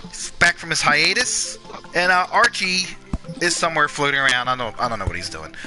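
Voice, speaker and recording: A man hosting a relaxed gaming session with friends, his voice sitting a bit high for a man. He's upbeat and jokey, firing off questions as he plays. Game music plays clearly underneath. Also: brisk. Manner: upbeat, joking, asks lots of questions. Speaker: host of a gaming channel. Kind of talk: casual let's-play chat.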